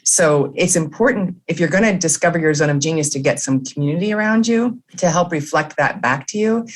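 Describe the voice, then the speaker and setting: A deep-voiced woman who is a leadership author and coach appears as an interview guest, explaining her ideas in an earnest, warm way.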